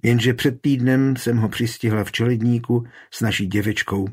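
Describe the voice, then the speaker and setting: A man with a husky voice reading an audiobook, raising his voice for an impulsive, bitter young woman. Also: medium pitch, steady tone, darkish tone, lightly acted.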